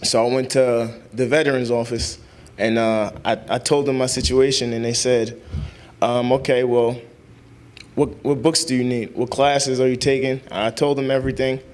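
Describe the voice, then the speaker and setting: Sincere young man speaking haltingly. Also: mid-range voice, level tone, darkish tone. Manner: sincere, halting, with many "um" fillers. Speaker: student veteran speaker. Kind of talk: informal speech at a ceremony.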